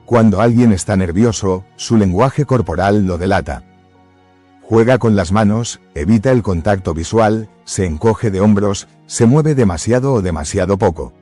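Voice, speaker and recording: A man giving scripted motivational narration in a measured, emphatic way, close to the mic. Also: on the low side, mellow.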